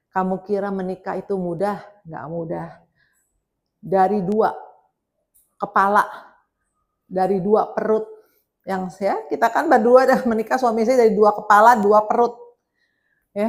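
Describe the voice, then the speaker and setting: Lively woman preacher telling a story. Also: mid-range voice. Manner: lively storytelling, addresses listeners as brothers and sisters. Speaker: evangelist preacher. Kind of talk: sermon with personal storytelling.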